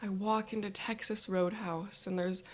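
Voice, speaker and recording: A woman with a middle-pitched voice leads a guided visualization. She walks through a first-person scene in the present tense, upbeat and vivid, lingering on small details without rushing. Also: level tone.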